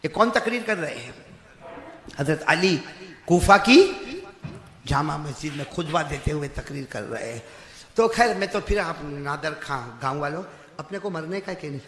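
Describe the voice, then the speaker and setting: A man preaching a fiery religious sermon, swinging from shouts to hushed storytelling and calling on the crowd to answer back. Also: a little high, expressive. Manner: swings between shouting and hushed storytelling, calls for audience response. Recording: roomy hall reverb from a PA.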